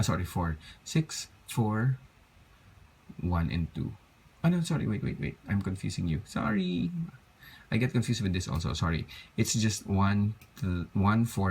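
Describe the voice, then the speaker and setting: Tired male tutor, low-pitched and unhurried, walks through steps by counting and correcting himself. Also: darkish tone, breathy edge. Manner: counts steps aloud, apologizes for slips. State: tired, yawning. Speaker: craft tutorial host. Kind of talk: step-by-step craft tutorial.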